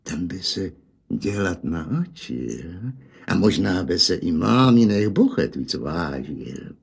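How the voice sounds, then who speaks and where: A man's voice: low voice, expressive, gravelly, slightly rough, pitched below the performer's own voice, exaggerated voice. A man voicing a small, smiling, sly old man with a thin old voice and a Hanák dialect. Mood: sly teasing. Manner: thin old man's voice, teasing. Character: sly, merry little old man, a disguised king.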